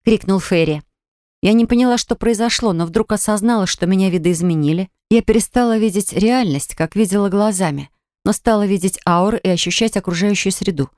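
A woman narrating a first-person fantasy audiobook with expressive storytelling. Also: mid-range voice, brisk, no room sound, clean studio sound.

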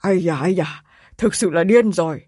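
A man's voice: high-pitched, fairly quick, a little mellow, no echo. A man voicing a shaken middle-aged sect master in an audiobook, speaking in agitated exclamations over a dry, close sound. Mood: disbelieving. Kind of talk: audiobook character reading.

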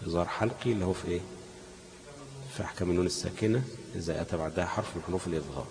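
A man's voice: low-pitched, rapid-fire, a little mellow, in a large hall, slight background noise, poor audio. A man with an Egyptian Arabic accent teaching a class on Quran recitation, asking leading questions that the students finish.

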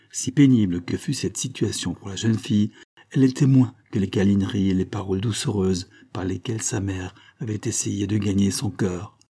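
Low, husky male narrator. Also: warm tone. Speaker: audiobook reader. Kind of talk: scripted narration of a novel.

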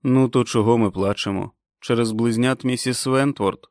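A man playing a calm, kindly doctor who speaks in a measured, reassuring way. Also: medium pitch, no room sound, studio quality, natural voice.

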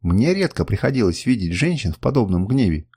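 A man reading a novel aloud as an audiobook narrator, expressive and dramatic. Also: on the low side, a little fast, breathy edge, dry recording, clean studio sound. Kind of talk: scripted narration.

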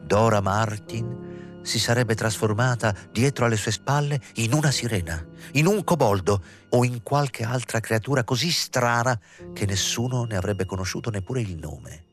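A man narrating a literary novel as an audiobook in a measured, even way. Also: medium pitch, soft background music. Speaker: audiobook reader.

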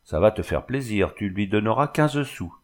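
A man voicing a busy, good-humored village notary who speaks briskly in a storybook reading. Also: lowish voice, animated, darkish tone, natural voice. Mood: cheerful.

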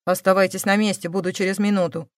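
A woman voicing a calm, stern male police investigator who presses with measured questions. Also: mid-range voice, no room sound, studio quality, lightly acted.

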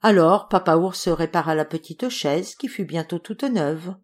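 A woman reading a fairy tale aloud as an audiobook, expressive storytelling. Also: lowish voice, a little slow. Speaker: audiobook reader.

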